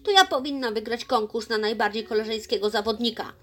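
A woman's voice: medium pitch, animated, normal speed, breathy edge. A woman voicing a proud, vain young female elf in a children's storybook, speaking boastfully. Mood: indignant. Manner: boastful and haughty, then tearful.

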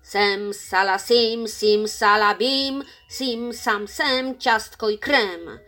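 A woman's voice: mid-range voice, lively intonation, moderate pace, breathy edge, faint music behind. A woman voicing a proud, vain young female elf in a children's storybook, speaking boastfully. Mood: chanting. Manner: boastful and haughty, then tearful.

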